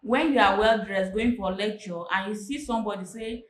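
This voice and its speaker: A woman's voice: mid-range voice, fairly quick. A woman on a TV talk panel, emphatic and giving advice with quoted examples. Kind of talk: casual panel discussion. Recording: roomy studio echo.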